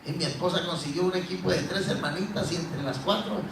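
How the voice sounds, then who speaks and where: A middle-aged man preaching a sermon as pastor, telling stories in an animated way and acting out pleading voices. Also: a little high, a little fast, gravelly, noisy background. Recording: roomy echo from a distance.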